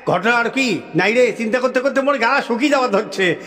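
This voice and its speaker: A man's voice: extremely high pitch, a little fast, a bit bright, big-room sound. A man voicing chatty old village men in a folk puppet-show dialogue, speaking with a Rajbanshi accent and a folksy, repetitive manner. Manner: repetitive, folksy, laughing asides.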